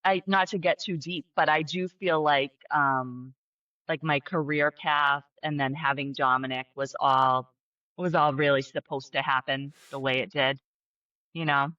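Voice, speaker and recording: A woman's voice: low-pitched, measured pace, dry recording. A woman, a special education teacher chatting as a podcast guest, with lots of fillers and restarts. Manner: chatty, many fillers and restarts, bursts of excitement. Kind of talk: casual interview conversation. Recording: dull, muffled sound.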